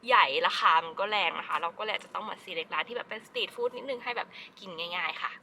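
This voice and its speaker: A woman's voice: medium pitch, fairly quick, sharp tone, a little hiss or hum. A woman hosting a travel vlog, talking chattily and politely straight to her viewers. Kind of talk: casual travel vlog narration. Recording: music playing under the voice.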